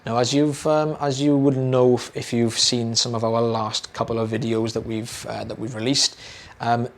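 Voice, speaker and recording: In a medium-pitched voice at normal speed, a young British audiologist talks a procedure through for the camera. He sounds casual and chatty, repeating words and using lots of fillers, with a slight hoarseness as though his voice is going.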